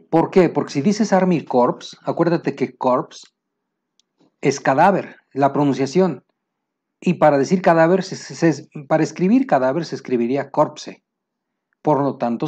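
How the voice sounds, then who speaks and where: A man with a Mexican Spanish accent teaching military vocabulary, pausing to say each English term slowly and plainly. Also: a little high, darkish tone. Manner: explains terms, slows down for English words. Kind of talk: vocabulary lesson.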